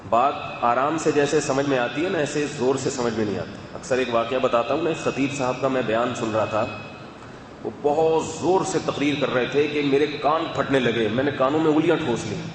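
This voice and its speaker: A man giving a sermon in a calm, conversational, explanatory way, with asides to his listeners. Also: medium pitch. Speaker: religious scholar. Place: mosque or hall with loudspeaker system. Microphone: loudspeaker microphone. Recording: echoey hall, faint background noise.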